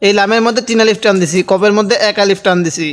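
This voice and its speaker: A male Quran teacher slowly spelling out letters and vowels, then chanting each joined word, and patiently pointing out common reading mistakes. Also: high-pitched. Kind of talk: slow spelled-out recitation lesson.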